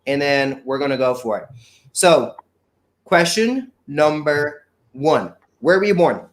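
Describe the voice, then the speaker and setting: A man's voice: on the high side, lively intonation, slow. A man hosting a casual live online show, chatting in an upbeat, playful way. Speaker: show host.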